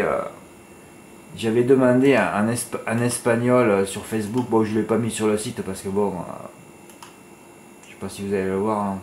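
A man's voice: lowish voice, a little hiss or hum. Chatty racing tipster man, echoey room. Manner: chatty, peppered with "hein", flares into exasperated ranting. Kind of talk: casual monologue to viewers.

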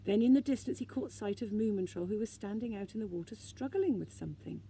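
A woman reading a children's story aloud in a gentle, expressive way. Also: medium pitch, fast talker, slight background noise.

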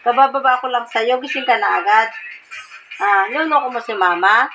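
A woman's voice: fairly high pitch, moderate pace, low-quality recording. A mother talking baby talk to her infant in a coaxing, sing-song way. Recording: loud music over the voice.

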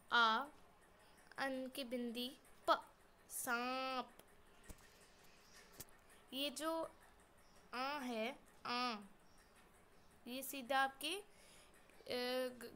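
A ninth-grade schoolgirl hosting a beginner's language lesson, sounding out each letter and syllable slowly for learners. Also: sits high, pushed and bright, slight background noise. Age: teenager, ninth-grade student. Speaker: channel host teaching Hindi letters. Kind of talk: spelling out words syllable by syllable for learners.

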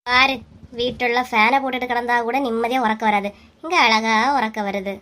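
Brief: a woman doing a high-voiced, carefree Kanyakumari housewife in a cartoon comedy, breezy and teasing. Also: level tone, moderate pace, pushed and bright. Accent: Kanyakumari Tamil. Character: carefree cheeky housewife who fancies herself a star.

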